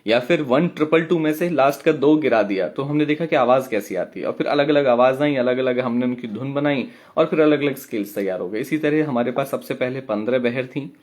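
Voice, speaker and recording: A man teaching a poetry workshop, chanting syllables and beat counts in a drawn-out way. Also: mid-range voice, darkish tone. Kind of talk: online lesson.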